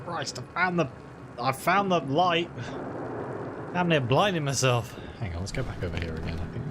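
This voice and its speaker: Joking Midlands-accented gamer. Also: male voice, medium pitch, lively intonation, moderate pace, noisy background. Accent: Midlands English. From Wales. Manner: joking, chatty. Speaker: let's-play streamer. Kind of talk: casual game commentary.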